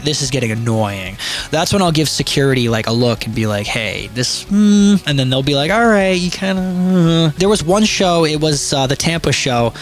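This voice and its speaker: A young man, a band singer and vocal teacher, rambling casually on a livestream, swearing freely and acting out quotes in animated voices. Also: on the high side. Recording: faint background music.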